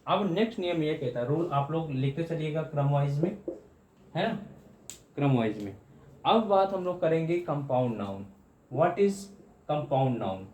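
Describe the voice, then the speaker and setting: A man's voice: fairly high pitch, expressive, a little slow, darkish tone, roomy sound, slight background noise. A man teaching English grammar in Hindi for exam prep, repeating key terms and often addressing students as friends.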